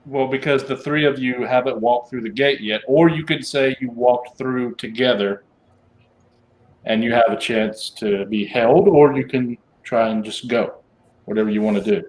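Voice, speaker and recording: A man's voice: mid-range voice, normal speed, low-quality recording. Man running a casual tabletop game. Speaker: game master.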